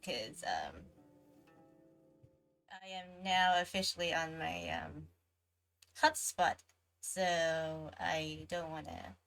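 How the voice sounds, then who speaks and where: A woman with a low, slightly bright voice hosts a livestream as a VTuber. She chats casually and reacts to a game in an easygoing, hesitant way, trailing off between thoughts.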